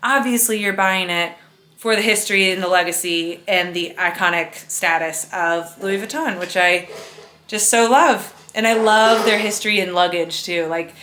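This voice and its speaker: A woman's voice: lowish voice, fairly even intonation, moderate pace, pushed and bright, reverberant, slight background noise. A woman chatting in a gushing, bubbly way as she shows off gifts in her bedroom for a vlog. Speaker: vlogger. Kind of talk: casual haul vlog chat. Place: home bedroom.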